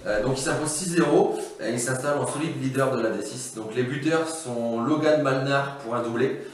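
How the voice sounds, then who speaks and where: A man's voice: mid-range voice, normal speed, recorded from a distance, slight background noise. Hesitant man hosting in an echoey room. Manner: hesitant, many fillers. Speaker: podcast host. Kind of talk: casual results roundup.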